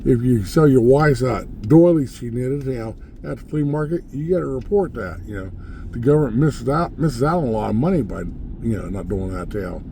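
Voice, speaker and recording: A middle-aged American man telling stories and ranting casually as he drives, in a meandering, folksy, opinionated way, with loud car noise. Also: mid-range voice, lively intonation, fairly quick, vocal fry. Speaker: vlogger. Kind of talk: casual rambling storytelling rant while driving. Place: inside a moving car.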